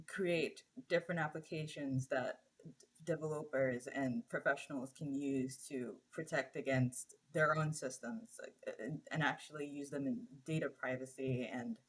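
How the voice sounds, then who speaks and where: A woman's voice: sits low, husky. A young woman who grew up in Nigeria, a university student guest explaining her research thoughtfully in a casual interview. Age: young adult. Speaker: undergraduate guest.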